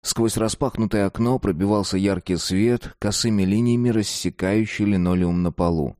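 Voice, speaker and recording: A man reading a dark story aloud, slow and deliberate. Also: lowish voice, no room sound, clean studio sound. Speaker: narrator. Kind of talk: scripted narration of a dark story.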